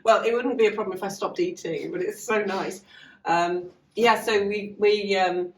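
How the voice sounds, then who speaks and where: A woman's voice: mid-range voice, steady tone, normal speed. A woman guest on a casual podcast, chatty and rambling with self-deprecating asides, talking about her farm. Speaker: guest running a farm learning hub. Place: half-open converted cart lodge on a farm. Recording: echoey room, mic at a distance.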